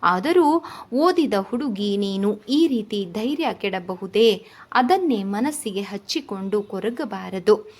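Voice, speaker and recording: A woman voicing a calm, caring male doctor who reasons firmly with a grieving friend in a storybook reading. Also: medium pitch, takes it slowly. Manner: firm, reasoning, scolding at times.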